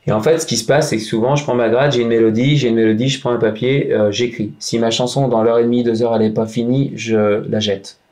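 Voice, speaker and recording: A man in a casual round-table chat about songwriting, talking with a dark, mellow tone at an ordinary middle pitch. He is emphatic and animated and keeps restarting his sentences with fillers. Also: quick pace, hardly any pauses. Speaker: punk songwriter and musician.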